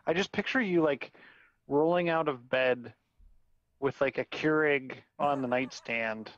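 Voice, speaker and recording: A man in his forties co-hosting a podcast from a home office over a video call, chatting in a relaxed, meandering way. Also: mid-range voice, a little slow, no echo. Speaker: podcast co-host. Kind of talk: casual chat. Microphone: remote video call. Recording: dull lo-fi call audio.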